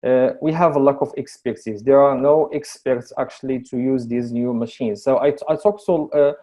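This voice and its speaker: Halting Moroccan man with a mellow voice. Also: medium pitch. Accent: North African. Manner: halting, hesitant, repeating words. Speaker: AI researcher and lecturer presenting projects. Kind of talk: webinar presentation.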